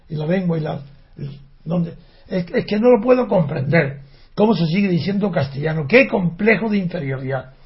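Indignant older man, high voice, lo-fi. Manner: indignant, rhetorical questions, frequent restarts. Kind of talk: opinionated spoken monologue. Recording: dull lo-fi recording.

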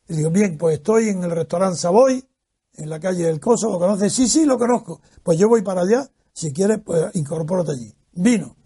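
This older man's voice is high-pitched with a breathy edge. Being interviewed, he narrates a long anecdote from his own life with animation, acting out what each person in it said.

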